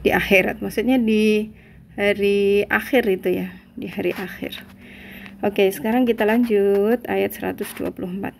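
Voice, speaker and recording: A woman with an Indonesian accent and a medium-pitched voice teaches a religious lesson. She speaks as a Quran teacher, explaining in a conversational manner and often adding short confirming tags as she goes. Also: steady tone, normal speed, vocal fry, a little hiss or hum. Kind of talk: religious lesson, reciting verses then explaining them.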